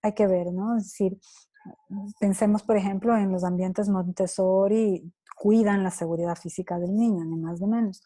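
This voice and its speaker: A woman's voice: mid-range voice, normal speed. A woman in her thirties answering parenting questions at a conference, chatting casually and acting out little dialogues with children. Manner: laughs easily, lively quoting. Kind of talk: conference Q&A talk.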